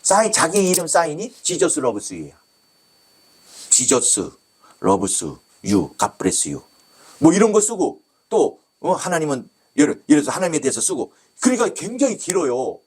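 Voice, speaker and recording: Husky-voiced Korean pastor telling a story. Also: male voice, fairly high pitch, big pitch swings, moderate pace, darkish tone. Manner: storytelling with acted quotes, exclaiming. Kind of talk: sermon.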